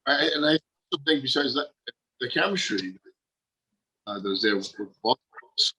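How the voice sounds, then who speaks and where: A man on a video call whose voice keeps cutting out over a bad connection, talking haltingly as a guest. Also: mid-range voice, expressive, pushed and bright, slightly rough, poor audio. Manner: halting, searching for words. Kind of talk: casual chat.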